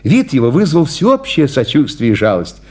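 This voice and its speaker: A man reading a story aloud at an unhurried pace, voicing the characters in dialogue. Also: medium pitch, wildly swooping pitch, a little mellow.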